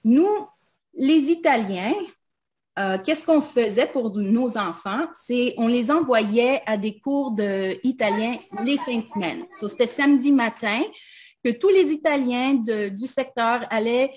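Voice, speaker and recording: A fairly high, slightly mellow voice belongs to an invited guest speaker from Montreal, Canada, whose first language is English. Slow and halting in casual personal talk, she hesitates with frequent "euh" and code-switches into English.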